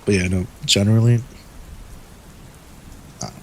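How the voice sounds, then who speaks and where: A male streamer talks in a slow, laid-back late-night ramble, swearing now and then. His voice sits low with a gravelly, fry-edged texture. Faint noise hangs behind him. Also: low-quality recording. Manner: relaxed, rambling, swears casually. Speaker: streamer host. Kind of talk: late-night casual chat.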